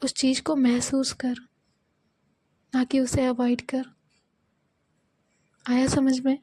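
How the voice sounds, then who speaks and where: A woman's voice: high voice, monotone, slow, dark tone, no room sound. A woman reading a frank best friend. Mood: advising. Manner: coaxing, advising. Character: frank, caring young female best friend.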